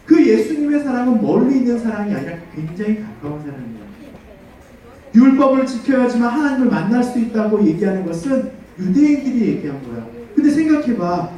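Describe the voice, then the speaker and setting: A man giving a children's sermon as pastor, animated and full of questions for the kids, leading them in call-and-response. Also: very high voice, a little fast. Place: church hall. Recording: echoey church hall, far from mic.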